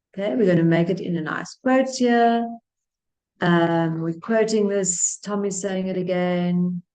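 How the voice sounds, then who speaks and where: A woman's voice: lowish voice, mellow. A woman teaching English grammar, patiently explaining each step and repeating key points.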